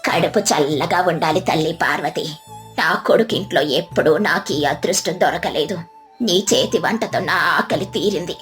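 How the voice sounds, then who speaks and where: A woman voicing a frail, grateful old mother who speaks slowly and softly. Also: on the low side, soft background music, pitched below the performer's own voice, natural voice. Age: older. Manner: slow, soft and sorrowful.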